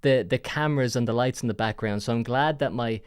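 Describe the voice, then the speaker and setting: A man's voice: medium pitch, quick pace, clean tone, dry recording, studio quality. A man hosting a call-in show, chatting in a joking, rambling way and stumbling over his words, talking into a landline phone handset. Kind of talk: casual joking chat. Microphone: landline phone handset wired to a computer.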